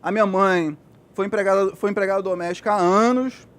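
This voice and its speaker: A man's voice: high voice, steady tone, a little fast, fairly bright tone. A Brazilian man, a physiotherapist, giving an earnest motivational speech to young athletes, checking in often with his listeners. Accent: Brazilian Portuguese.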